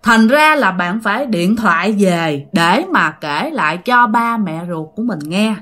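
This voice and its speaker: A woman's voice: medium pitch, lively intonation, measured pace, a bit bright. A woman telling a ghost story in a chatty way, often speaking straight to her listeners. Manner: chatty, addresses listeners directly. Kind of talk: casual ghost story narration.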